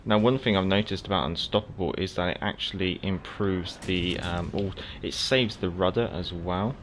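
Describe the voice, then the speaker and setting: A South African livestreamer, Afrikaans being his first language, provides casual play-by-play and responds to his chat, calling viewers by name. He has a deep voice with fairly even intonation at normal speed, and slight background noise can be heard.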